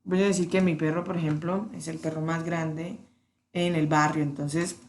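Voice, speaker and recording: A woman teaching an English grammar lesson, patiently checking in with her students and slowing down to spell out the examples. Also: sits low, steady tone, darkish tone, slight background noise. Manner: patient, checks in with "¿cierto?" often.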